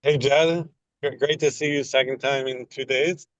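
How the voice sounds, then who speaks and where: A man's voice: medium pitch, fairly even intonation, moderate pace, dry recording. A man casually introducing himself and sharing tips with a group on a call. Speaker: meeting participant, pavement broker. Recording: dull lo-fi call audio.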